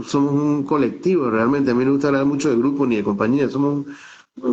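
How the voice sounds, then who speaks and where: On an online video call, a guest speaker who directs theater offers a long, thoughtful, conversational explanation in his Andean Venezuelan Táchira accent, often restarting, using fillers and adding "¿no?". He is middle-aged with a mid-range, slightly mellow voice, and the call audio is dull and lo-fi.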